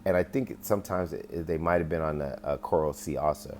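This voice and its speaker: Low-voiced rambling man presenting theories. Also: a little fast, a little mellow, a little hiss or hum. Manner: rambling, filler-heavy, often asks "right?" to the viewer. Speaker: amateur investigator presenting findings. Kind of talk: casual screen-share presentation.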